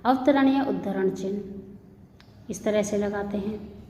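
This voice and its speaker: A woman teaching a Hindi grammar lesson to students, explaining step by step and reading examples slowly. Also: mid-range voice, dark tone. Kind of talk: classroom lesson. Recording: muffled echoey room with long reverb, faint hiss.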